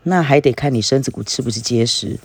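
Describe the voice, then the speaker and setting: A man's voice: medium pitch, fast, breathy edge, dry recording. Man voicing a plain-spoken middle-aged farmer uncle, matter-of-fact, explaining, dry close sound.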